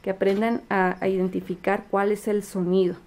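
A woman showing how she teaches her son to read at home, sounding out letters slowly and patiently with frequent fillers. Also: mid-range voice, flat delivery, a little mellow. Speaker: homeschooling mother. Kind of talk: casual home teaching demonstration. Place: home, at a table.

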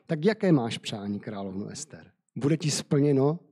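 A man voicing an ancient Persian king in a scripture reading, with light emphasis and a husky voice. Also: mid-range voice, lively intonation, warm tone. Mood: commanding. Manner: read aloud with light emphasis.

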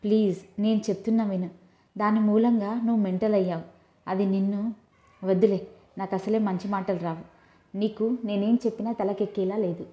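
A woman's voice: mid-range voice, fairly even intonation, normal speed, highs cut off, natural voice. A woman reading a bossy young best friend. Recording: roomy echo.

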